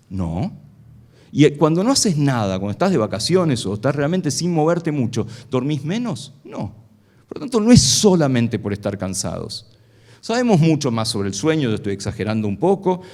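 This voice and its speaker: A man's voice: medium pitch, a little mellow. A middle-aged man giving a playful live science talk on stage, asking the audience a stream of questions. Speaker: science lecturer.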